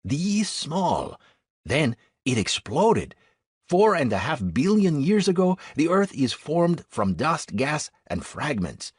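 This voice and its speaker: A man voicing a cheerful Ecuadorian tour guide in his thirties with a Spanish accent, explaining things carefully and pausing over hard words. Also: fairly high pitch, very animated, slightly rough, no room sound, clean studio sound, voice pushed up, exaggerated voice.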